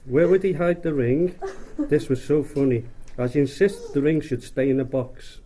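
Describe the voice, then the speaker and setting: A man's voice: fairly high pitch, moderate pace, mellow, slight background noise. A middle-aged man giving a rambling, jokey wedding speech as father of the bride, often repeating and restarting his phrases.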